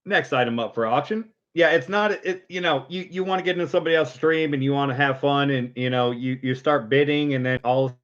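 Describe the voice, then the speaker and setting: A man's voice: mid-range voice, brisk, few pauses, fairly bright tone. A man hosting a live online auction, mixing informal, rambling chat with a repetitive, rhythmic bid-calling chant. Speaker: auctioneer and stream host. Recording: dull, lo-fi microphone sound.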